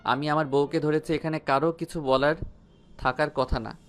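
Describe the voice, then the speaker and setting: A man's voice: fairly high pitch, steady tone, normal speed, faint music behind, lightly acted. A man voicing a cheeky young male student who teases his family playfully. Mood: teasing. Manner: playful teasing.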